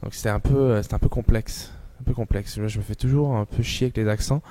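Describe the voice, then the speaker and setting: A man, an actor talking in a relaxed, slangy interview manner. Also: lowish voice, fast talker, no echo.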